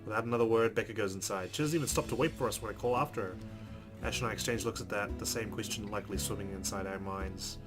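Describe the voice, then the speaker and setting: This let's play host is a man with a lowish voice who talks fast, expressively reading visual novel narration and adding casual side chatter. Game music with guitar runs underneath his voice.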